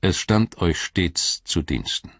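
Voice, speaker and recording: A man reading as a loyal young warrior, deep and low. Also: lively intonation, slow, a bit bright, no room sound, heavily acted. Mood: devoted. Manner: clear, respectful. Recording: dull, lo-fi audiobook recording.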